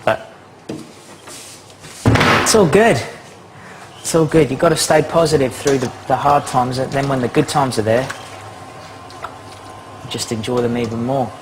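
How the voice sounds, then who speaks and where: A man's voice: medium pitch, steady tone, normal speed, pauses often. A man chatting casually and cheerfully in a home kitchen, a little out of breath and joking at his own expense. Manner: chatty, upbeat, self-mocking. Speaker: reality show participant. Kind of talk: casual talk to camera. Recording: noisy home recording.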